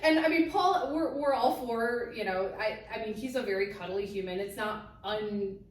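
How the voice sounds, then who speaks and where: A woman co-hosting a casual podcast, telling an animated story, acting out quotes and laughing often. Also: medium pitch, moderate pace. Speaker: podcast co-host. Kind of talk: casual chat. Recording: roomy, distant mic, faint hiss.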